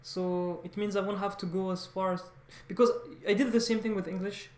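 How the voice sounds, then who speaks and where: Talking casually and without a script to his audience, this male vlogger, a French native working on a new language, keeps stopping, restarting phrases and fixing his words. He has a high voice with a steady tone, and a clear echo from the room surrounds it.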